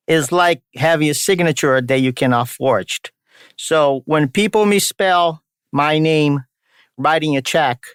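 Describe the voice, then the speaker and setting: A native Portuguese speaker from São Paulo state, Brazil, hosts an informal solo podcast, his accent a blend of Brazilian and Boston that drops its r's. His medium-pitched voice is clean, and the recording is dry with clean studio sound.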